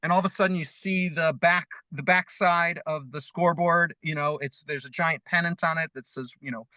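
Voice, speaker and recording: High bright-voiced man, dry sound. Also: steady tone, a little fast, no echo, poor audio. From Chicago. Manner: rambling, lots of "you know" fillers. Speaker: podcast co-host. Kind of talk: casual podcast chat.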